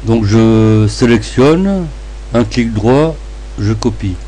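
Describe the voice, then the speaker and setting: Slow-spoken man with a slushy lisp. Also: on the low side, lively intonation, warm tone. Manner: halting, in short hesitant phrases. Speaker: tutorial presenter. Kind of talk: step-by-step screencast narration.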